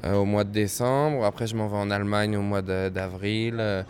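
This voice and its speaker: Easygoing French jazz musician, low voice. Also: male voice, fairly even intonation, moderate pace, darkish tone. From France, Paris suburbs. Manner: easygoing, chatty, laughs readily. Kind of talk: casual interview chat.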